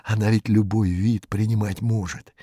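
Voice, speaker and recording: A man's voice: on the low side, flat delivery, normal speed, mellow, breathy edge, no echo, studio quality. Man doing a jittery, terrified gangster informer. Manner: jumpy, rambling, pleading. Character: frightened, superstitious male gangster informer.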